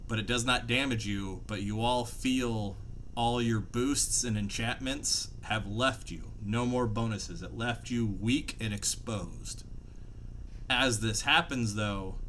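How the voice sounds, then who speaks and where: A man narrating a tabletop fantasy game as game master, telling it dramatically with pauses. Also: lowish voice, fairly bright tone. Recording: faint background room noise.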